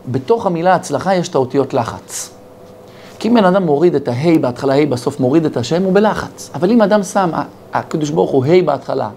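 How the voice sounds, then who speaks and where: A man's voice: fairly high pitch, creaky, slight background noise. A man, a rabbi with an Israeli accent, giving a sermon full of parables and acting out the dialogue in his stories. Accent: Israeli Hebrew. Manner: animated storyteller acting out dialogue.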